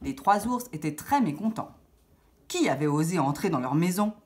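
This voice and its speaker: A woman reading a children's fairy tale aloud with expressive storytelling. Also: sits low, normal speed.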